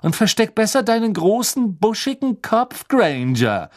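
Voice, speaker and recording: Reader doing an arrogant sneering schoolboy wizard, drawling, storybook. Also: male voice, high voice, big pitch swings, moderate pace, pitched above the performer's own voice, heavily acted. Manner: taunting and drawn out.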